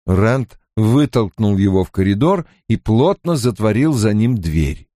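A man's voice: on the low side, lively intonation, measured pace, mellow, no echo. Male audiobook narrator, dry sound. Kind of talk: scripted narration.

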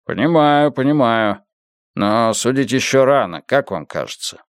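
A man's voice: mid-range voice, lively intonation, unhurried, no echo, studio quality. A man voicing a blunt, cautious male police chief who can turn exasperated. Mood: brisk. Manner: blunt, then exasperated shouting.

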